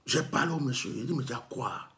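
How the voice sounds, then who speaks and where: A man's voice: medium pitch, fast talker, a bit bright. A man from Côte d'Ivoire with an Ivorian French accent, telling a story and delivering an impassioned, scolding monologue that acts out bits of dialogue.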